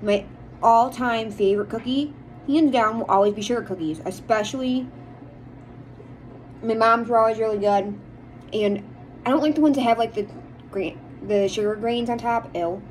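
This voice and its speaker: A woman's voice: on the high side, normal speed, pauses often, a little hiss or hum, rough recording. An American woman chatting casually to viewers in a rambling, opinionated way, as a vlogger does. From United States. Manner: rambling, chatty, emphatic about likes and dislikes. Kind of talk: casual chit-chat to viewers.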